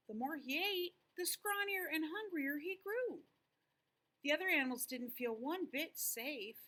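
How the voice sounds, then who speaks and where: An older woman reading a children's storybook aloud in the expressive manner of a sweet old lady. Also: high-pitched.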